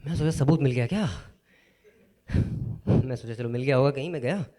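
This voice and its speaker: A young man doing stand-up on a live comedy stage. His voice sits mellow and warm at a middle pitch, and he tells his story in a loose, animated way, switching into the voices of the people in it. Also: brisk. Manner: casual, animated, acts out characters' lines.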